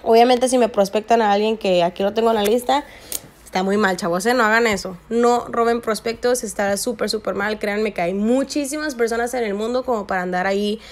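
A woman in her 20s with a mid-range voice, talking a little fast, narrates a phone screen tutorial as a network marketing vlogger. Her chatty explanation repeats key points for emphasis.

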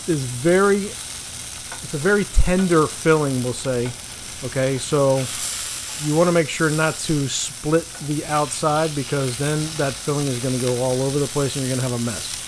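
A man's voice: a little high, noisy background. A middle-aged man hosting a casual home cooking show, chatty and enthusiastic, laughing often. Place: home kitchen indoors.

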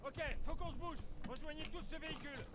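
An actor voicing a WWII soldier in a war game, shouting urgent commands like a drill sergeant. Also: male voice, very high voice, fast. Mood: commanding. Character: male WWII soldier barking urgent combat orders. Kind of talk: dubbed war video game acting. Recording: drowned in loud game music, gunfire.

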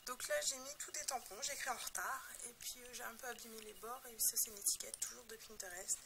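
Young woman, fairly high voice, rambling and hesitant, lots of fillers, noisy home recording with clicks. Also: lively intonation, a little fast, gravelly. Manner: rambling, hesitant, many fillers, self-deprecating. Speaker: scrapbook crafter presenting her album. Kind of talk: casual show-and-tell narration.

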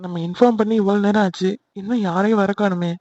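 A man's voice: high-pitched, fairly even intonation, very noisy, natural voice. A man voicing an anxious young cartoon man. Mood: calm. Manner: earnest, quick, pleading. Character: young Tamil man, worried and protective. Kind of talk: amateur cartoon dubbing. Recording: dry, slightly dull lo-fi recording.

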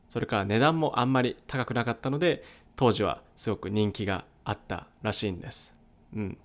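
A man hosting a language-learning podcast, explaining a topic in a clear, unhurried monologue with frequent soft "un" fillers. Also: mid-range voice. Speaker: podcast host teaching Japanese. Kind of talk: solo educational podcast monologue.

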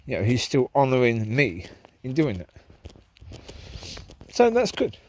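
A vlogger walks his dogs along a park path at night, talking casually to the handheld camera in a reflective, rambling monologue. His mid-range voice has huge pitch swings and an unhurried pace.

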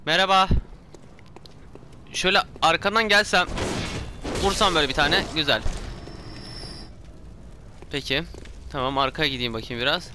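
A man commenting on his own gameplay, talking to himself, yelling and swearing when startled, his throat sore from shouting. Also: a little high, moderate pace, long pauses, noisy background. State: hoarse from shouting. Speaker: gameplay streamer.

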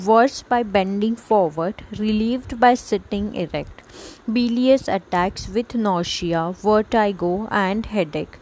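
A woman reading entries from a homeopathy reference book aloud, listing short phrases in a slow, measured way. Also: medium pitch, darkish tone, slight background noise, rough recording.

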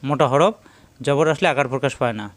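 A man teaching a Quran reading lesson, counting through the rules and slowly repeating each letter sound. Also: medium pitch, no room sound. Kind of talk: step-by-step recitation lesson.

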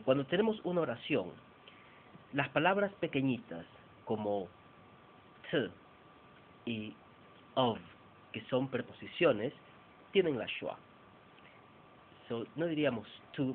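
A man from Peru gives a bilingual pronunciation lesson, drawing out and repeating each example word with care. His pitch swings up and down a lot as he explains. The sound is thin and phone-like, with a faint hiss underneath. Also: big pitch swings. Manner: slowly over-articulates and repeats example words. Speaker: English pronunciation teacher.

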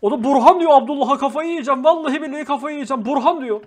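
A young woman streaming live, talking fast and high over a TV show. She jokes loudly and swears without a second thought. Her commentary is quick and excitable. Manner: loud, joking, swears freely.

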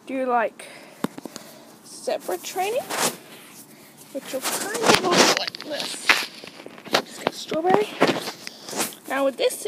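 Teenage girl, high-pitched, casual home tutorial host who coos sing-song commands at her pets. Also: a little hiss or hum, low-quality recording. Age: teens. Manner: coaxing sing-song calls to her pets between explanations. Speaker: guinea pig owner demonstrating training. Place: at home beside a guinea pig cage.

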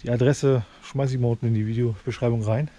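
A man's voice: mid-range voice, fairly even intonation, quick pace, mellow. A man giving casual, appreciative, unscripted vlog commentary while sightseeing on foot. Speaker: vlogger. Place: outdoors, walking around an open castle ruin.

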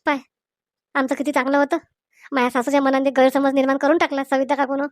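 The voice is a tearful, defensive young daughter-in-law, acted by a woman. She sits high in pitch and pleads, repeating her words of address. The recording is dry and close, with no room sound. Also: level tone, quick pace, no room sound, lightly acted. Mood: resentful. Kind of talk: comic skit acting.

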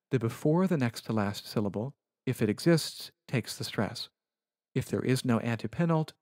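A man at a mid pitch lectures on Latin verse in a careful, precise way, as if walking through slides. The recording is close and dry, with no room sound. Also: darkish tone, dry recording. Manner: measured, precise, explanatory.

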